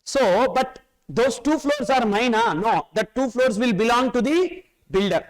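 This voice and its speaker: A man's voice: extremely high pitch, expressive, measured pace, rough recording. A man with a South Indian accent lecturing a class, emphatic and repetitive, often asking questions and answering them himself. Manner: emphatic, repeats phrases, asks and answers own questions. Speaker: tax course teacher.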